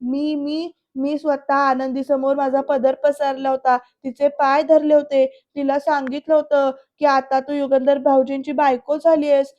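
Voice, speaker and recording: A scheming wife from a TV serial speaks in a theatrical, put-on tone, as a woman narrator reads her lines. The voice is high and mellow. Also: lo-fi sound. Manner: dramatic, melodramatic tone.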